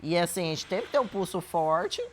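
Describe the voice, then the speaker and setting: A Brazilian woman with a fairly low voice talks in an earnest, explanatory way as a co-host. Her intonation is very lively, rising and falling through each sentence. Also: brisk, slight background noise. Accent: Brazilian Portuguese. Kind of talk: reflective advice talk.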